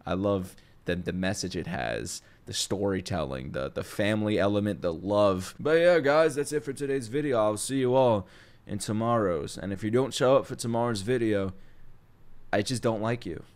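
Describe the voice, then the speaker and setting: A man's voice: fairly low pitch, normal speed. A young man hosting casual, unscripted reaction videos, talking in slangy, swear-filled language into a close mic. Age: young adult. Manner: profane, slangy. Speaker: host of anime reaction videos. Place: home living room with open kitchen. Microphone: close microphone on boom arm.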